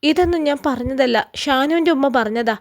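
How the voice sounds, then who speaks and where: A harsh, scolding middle-aged father in a family story, read by a woman. He sounds angry and stern, yet the voice stays high and light. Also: fairly quick.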